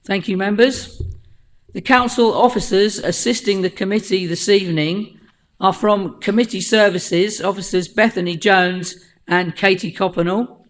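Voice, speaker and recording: A woman with a croaky voice chairing a council planning committee, politely reading out procedures and names. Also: mid-range voice, steady tone, normal speed, low-quality recording. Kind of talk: formal meeting procedure. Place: council chamber.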